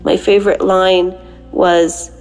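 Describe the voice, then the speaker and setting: A woman with a gravelly whiskey voice, hoarse from a cold, leaving an informal prayer message as a caller. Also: lowish voice, little pitch movement, slow, darkish tone, faint music behind. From Canada. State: has a lingering cold.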